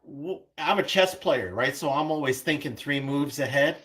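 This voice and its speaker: A man calling into a live stream, asking earnest questions with hesitant pauses. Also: fairly high pitch, fairly bright tone, low-quality recording. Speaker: caller. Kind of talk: casual live-stream call-in.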